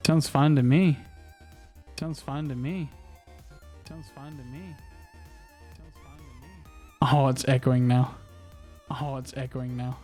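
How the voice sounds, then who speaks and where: A man's voice: medium pitch, steady tone, slow, pauses often, mellow, faint music behind. A man chatting casually on a live stream while his voice repeats in a fading echo, as if down a tunnel. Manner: tinkers with his audio setup while talking. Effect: repeating echo that fades away.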